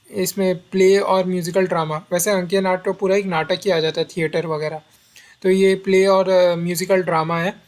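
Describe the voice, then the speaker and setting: A man teaching an exam-prep lecture, often repeating key terms as memory drills and slipping into English phrases. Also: high voice.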